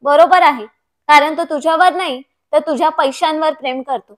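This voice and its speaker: A woman voicing an older mother who speaks calmly and firmly. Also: sits high, moderate pace, natural voice. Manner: soothing then firm. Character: older mother, calm, firm and dignified.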